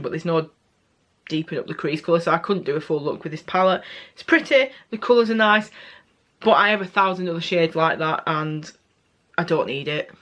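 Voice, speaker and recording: A woman's voice: sits low, fairly bright tone, lo-fi sound. A young woman beauty vlogger giving a casual, candid product review, often correcting herself mid-sentence.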